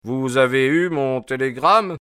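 A man's voice: mid-range voice, measured pace, pushed and bright, clear, resonant tone, dry recording, studio quality, pitched above the performer's own voice. A man voicing a wry, assured detective. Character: amused, commanding male detective.

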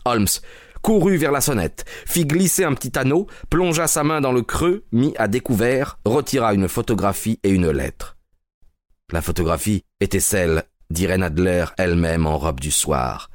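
Man, scripted narration, expressive storytelling, lowish voice, dry sound. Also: normal speed, dry recording.

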